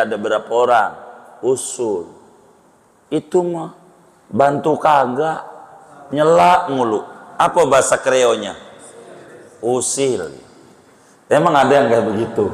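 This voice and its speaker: A man preaching a sermon, joking and conversational, with sudden jumps in pitch. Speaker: Islamic preacher. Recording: long hall reverb.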